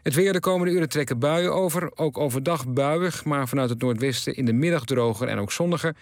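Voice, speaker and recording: A man reading a radio news bulletin in an even, measured way, in a studio. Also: mid-range voice, dry recording. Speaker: newsreader.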